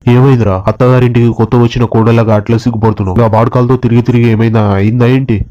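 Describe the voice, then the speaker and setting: A man playing a fast-scolding stingy Telangana dad. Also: mid-range voice, level tone, dark tone, close to an everyday voice. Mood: teasing. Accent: Telangana Telugu. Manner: rapid mocking scolding. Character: stingy scolding father of a grown son. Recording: dull lo-fi audio, faint noise.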